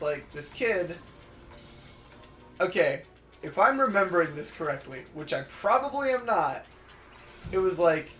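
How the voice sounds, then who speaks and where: Young man, let's play co-host, casual rambling stories, fillers, slightly high voice, faint music behind. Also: fairly bright tone, echoey room. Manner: rambling storyteller with many fillers. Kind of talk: casual gaming commentary chat.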